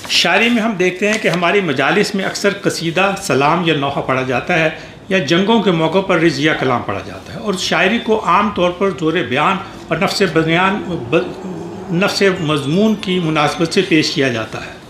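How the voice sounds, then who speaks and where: A man with a fairly high voice reads a prepared memorial tribute in a formal, measured way. He sounds echoey, as in a large hall, and faint background noise runs under his words. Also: expressive, fairly bright tone. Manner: measured, formal reading with small restarts. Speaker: speaker at a memorial gathering. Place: reception hall at an embassy.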